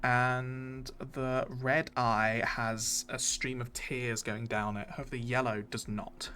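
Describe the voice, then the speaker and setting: Guy dm'ing a tabletop game, bright clear voice, lots of ums. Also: mid-range voice, flat delivery, slow. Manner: hesitant, many fillers. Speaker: game master.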